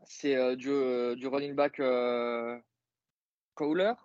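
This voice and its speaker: Co-host masculin bavard, hésitant, quelques euh, son un peu terne et sec. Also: male voice, mid-range voice, flat delivery, slow pace, a little mellow, smooth, no room sound, highs cut off. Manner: chatty, hesitant with many fillers, joking asides. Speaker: podcast co-host, football analyst. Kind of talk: casual play-by-play recap.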